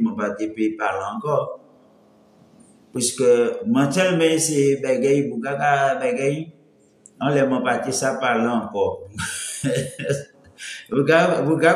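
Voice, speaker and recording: Man live streaming, roomy echo. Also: medium pitch. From French Antilles. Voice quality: light voice that cracks when pushed. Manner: rambling, greets viewers by name. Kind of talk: casual live-stream chat.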